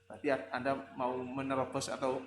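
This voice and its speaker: A man's voice: mid-range voice, completely flat delivery, a little fast. A male lecturer giving a conversational classroom lecture, rambling with fillers and rhetorical questions, with a slight tinge. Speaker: university lecturer. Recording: echoey room with faint ambient noise.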